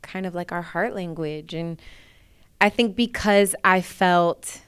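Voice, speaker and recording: A woman's voice: lowish voice, slow pace, clean tone, no room sound. A woman from New York, a singer and interview guest, chatting casually and laughing often. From New York, USA.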